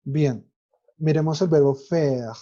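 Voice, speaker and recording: A man's voice: on the high side, slow, warm tone, highs cut off. A man, teaching French grammar in an online lesson and spelling out verb endings letter by letter.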